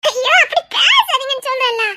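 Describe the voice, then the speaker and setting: A woman's voice: extremely high pitch, very animated, fairly quick, pushed and bright, full character voice. A woman voicing a shy, easily frightened young wife who giggles through her tears. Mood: shy teasing. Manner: bashful, teasing, tearful giggles. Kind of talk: audio drama acting.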